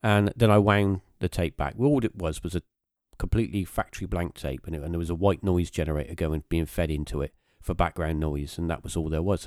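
A man's voice: low voice, a little mellow, dry recording, studio quality. A man, hosting a podcast and recounting a story casually, rambling with many fillers and restarts. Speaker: podcast host.

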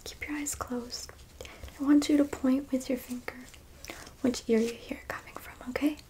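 A woman playing a gentle, curious alien scientist in a whispered role-play, speaking softly and reassuringly close to the listener's ear. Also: high voice, fairly even intonation, natural voice. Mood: calm, reassuring. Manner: gentle, reassuring, slow and soft-spoken.

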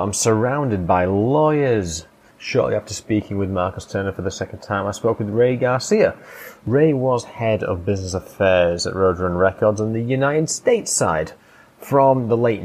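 A man hosting a podcast informally in a blunt, sweary, wry way, with an electric fan running. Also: deep voice. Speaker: podcast host. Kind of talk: informal podcast introduction and interviewing. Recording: steady fan noise behind voice.

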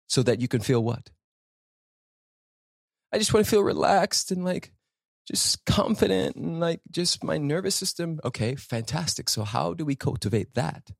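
A man hosting a spiritual self-help podcast gives an impromptu motivational talk, emphatic and preacherly, full of rhetorical questions and repetition. His mid-range voice comes through clean studio sound with no room noise.

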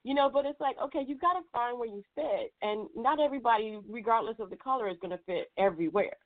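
A woman's voice: fairly high pitch, quick pace. A woman hosting a radio podcast, talking in a chatty, casual way as she leads an interview. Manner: chatty, frequent fillers and restarts. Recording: tinny phone-like audio.

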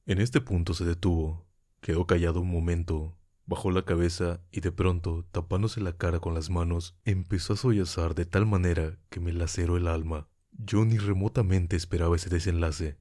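A man narrating a classic novel as an audiobook, reading in a measured, expressive way. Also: deep voice.

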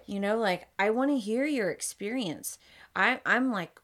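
A woman's voice: medium pitch, lively intonation, measured pace, fairly bright tone. A woman in her thirties, an artist guest on a podcast, chatting casually with a sarcastic, self-deprecating manner.

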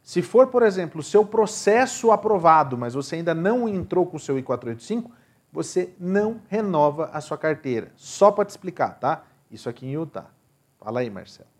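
A man's voice: on the high side, big pitch swings, fairly quick. A man with a Brazilian Portuguese accent hosting a live podcast, casually reading out audience questions. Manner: casual, chatty, reads questions aloud.

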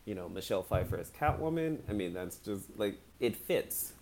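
A man chatting casually about films, relaxed and measured, with many fillers. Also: lowish voice, a little hiss or hum. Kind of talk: casual film discussion.

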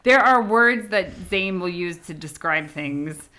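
A woman's voice: fairly low pitch, expressive, measured pace, bright, forceful tone. A middle-aged American woman and mother hosting a casual family chat, rambling and laughing often. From United States. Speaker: mother and channel host.

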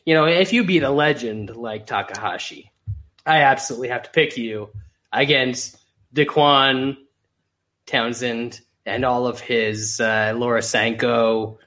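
A man's voice: medium pitch, unhurried, bright, forceful tone. A man co-hosting a casual sports podcast, making jokey points and laughing through them. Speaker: podcast co-host.

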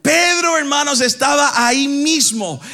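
A man from the Dominican Republic delivers a fervent sermon in a strikingly high, bright and ringing voice. He swings between shouted lines and sing-song chanting, and he keeps turning to the congregation as his brothers. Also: unhurried. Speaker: preacher. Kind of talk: preaching sermon.

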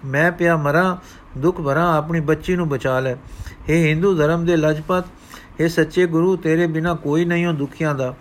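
Old grandfather in grief, devout and pleading, read by a man; slightly high voice, storybook reading. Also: steady tone, normal speed, natural voice. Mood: sorrowful pleading. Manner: sorrowful, pleading.

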